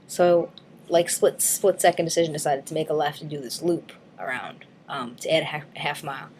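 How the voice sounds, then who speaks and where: Rambling, frank woman vlogger, slightly low voice. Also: brisk, a little mellow, a little hiss or hum. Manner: rambling, frank, swears casually, lots of ums and likes. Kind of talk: casual weight-loss update vlog.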